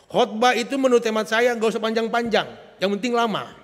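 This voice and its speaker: Joking preacher with booming hall echo. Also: male voice, a little fast. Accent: Indonesian. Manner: lively, joking preacher with sudden loud emphatic swells. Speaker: pastor. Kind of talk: sermon. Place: church sanctuary. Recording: long church reverb.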